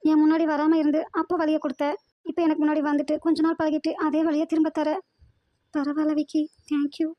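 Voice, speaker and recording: A woman's voice: high voice, monotone, fast, dry recording, highs cut off, natural voice. Woman voicing a hurt, pleading young woman. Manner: pleading, emotional, insistent. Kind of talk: animated drama voice acting.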